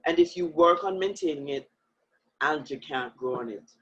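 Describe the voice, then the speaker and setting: Earnest woman with a husky voice. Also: deep voice, normal speed. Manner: earnest, emphatic, laughs easily. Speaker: guest speaker. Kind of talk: reflective interview talk. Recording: muffled lo-fi audio.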